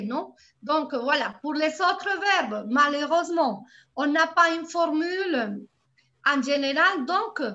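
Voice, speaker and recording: Woman, teaching French online. High, unhurried, lo-fi call audio. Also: bright, forceful tone. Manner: patient, repeats words slowly and checks for understanding. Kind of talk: live online class teaching grammar.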